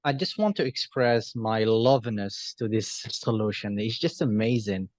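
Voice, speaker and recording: An enthusiastic man from Algeria, a jury member giving effusive feedback at an online pitch event over a video call. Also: normal speed, no echo.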